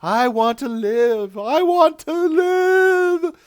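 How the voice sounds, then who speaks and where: A doomed man cries out for mercy in a high, shrill wail, as a man puts him on. The sound is dry and close. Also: fairly even intonation, drawn-out words, no room sound, full character voice. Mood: pleading. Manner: shrill, begging. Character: desperate man pleading for his life.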